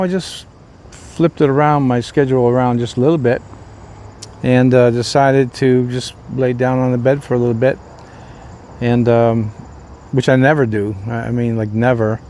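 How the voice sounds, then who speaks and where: Folksy older pastor, rambling and unhurried. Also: male voice, medium pitch, darkish tone. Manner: rambling, folksy, many fillers and restarts. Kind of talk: informal devotional talk.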